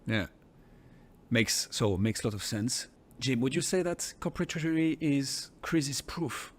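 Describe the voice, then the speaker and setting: A man's voice: mid-range voice, expressive, measured pace. A man with a French accent hosting an interview podcast, casual and upbeat, with eager interjections. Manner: friendly, enthusiastic interjections. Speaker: podcast host.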